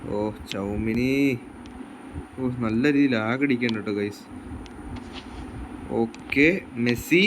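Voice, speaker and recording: A man's voice: mid-range voice, takes it slowly, pauses often, background noise. A man with a Malayali accent giving casual football game commentary, mixing English words and phrases into his Malayalam. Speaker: gaming YouTuber.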